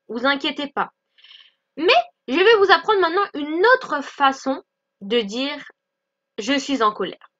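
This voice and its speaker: Bright high-voiced woman teaching English. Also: lo-fi sound. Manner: clear, explanatory, repeats example phrases slowly. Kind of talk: online language lesson.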